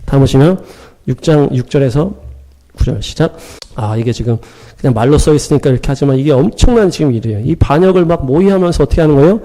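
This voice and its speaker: A man preaching a sermon in an animated, emphatic way, acting out quoted dialogue and punching his points with sharp sound-words. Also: fairly high pitch, fast talker. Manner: acts out quoted dialogue, chuckling. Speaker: pastor.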